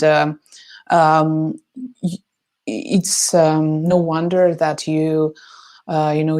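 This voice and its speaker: A woman's voice: sits low, mellow. A woman who develops business for a podcast app, answering interview questions in hesitant full of fillers and restarts. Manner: halting, many fillers and restarts.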